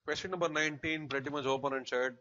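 A man's voice: fairly high pitch, steady tone, fast talker, bright, forceful tone. A middle-aged man with a Tamil South Indian accent, lecturing and dictating notes as an accountancy teacher, often checking on the class with short questions. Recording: slightly noisy, muffled recording, keyboard clicks.

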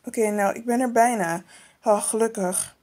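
A woman's voice: a little high, a little mellow, lightly acted. Woman voicing a flustered schoolgirl. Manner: hurried, a little flustered. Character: school-age daughter, always running late. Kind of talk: toy-figure storytelling.

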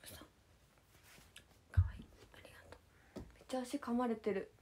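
A young woman with a faint lilt chats quietly on a late-night stream, often sinking into a near whisper as she thanks viewers one by one. Her voice sits a little high but sounds mellow and soft. A faint hiss stays behind her. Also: fast. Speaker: idol livestreamer. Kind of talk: late-night casual livestream chat.

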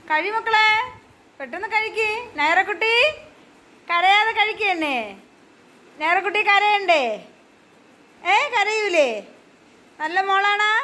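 Woman preschool teacher, very high, unhurried, sing-song coaxing with little kids. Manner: sing-song, questioning, gently scolding. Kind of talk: coaxing talk with small children. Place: preschool classroom.

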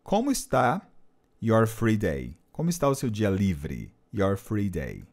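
A man's voice: on the low side, huge pitch swings, slow, a little mellow. A man teaching an English lesson, patiently repeating and translating phrases. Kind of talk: explanatory language lesson.

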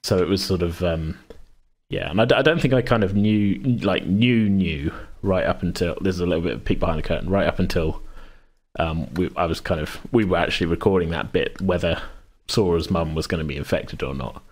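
A man serving as host and game master talks casually about a tabletop game in a rambling, hesitant way, often correcting himself. His voice is low-pitched and fairly quick.

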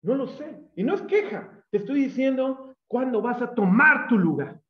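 A man with a Mexican accent preaching a sermon as a lively storyteller, acting out the voices he quotes. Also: very high voice, moderate pace. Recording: echoey, dull room sound.

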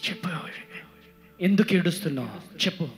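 High-voiced pastor preaching fervently. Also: male voice, animated, a little fast. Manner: shouting, chanting tongues, fervent. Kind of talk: revival sermon with prophecy. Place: church revival meeting. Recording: live hall with music and crowd. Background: music and congregation.

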